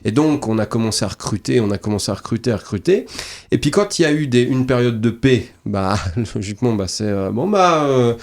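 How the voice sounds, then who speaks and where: A man's voice: fairly low pitch, expressive, fast talker, darkish tone. A man, the guest poet and author, talking at length on a radio show, with many restarts and repeated words, then lyrical turns of phrase. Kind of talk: radio interview talk. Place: radio studio.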